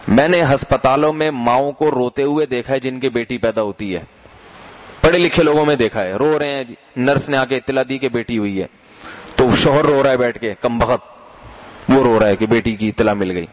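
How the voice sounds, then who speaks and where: A middle-aged man preaching a sermon, lively and conversational, throwing rhetorical questions at his listeners and calling them brothers. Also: on the high side.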